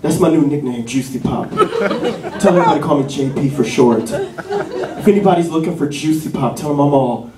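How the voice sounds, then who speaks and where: A man playing a smug male army lieutenant who talks in a slow, self-satisfied drawl. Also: fairly high pitch, big pitch swings, voice pushed down. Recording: echoey club from a distant mic with crowd laughter.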